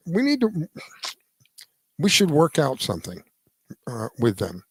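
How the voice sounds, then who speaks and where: A man's voice: on the high side, slightly rough, dry recording. Older guy in his 70s ranting casually on radio, voice jumps up and down, dry close sound. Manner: earnest, halting, with many restarts; lively, swings between emphatic and quiet. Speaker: radio show host. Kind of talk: casual opinion talk.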